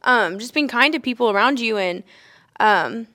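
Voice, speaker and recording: A young adult woman hosting a podcast, telling stories and asking questions with enthusiastic, animated energy. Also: fairly high pitch, moderate pace. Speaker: podcast host. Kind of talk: casual chat.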